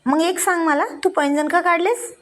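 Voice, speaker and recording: A woman's voice: very high-pitched, steady tone, moderate pace, a bit bright, voice pushed up. A woman voicing an affectionate, teasing young husband in a read-aloud story, coaxing and playful in manner.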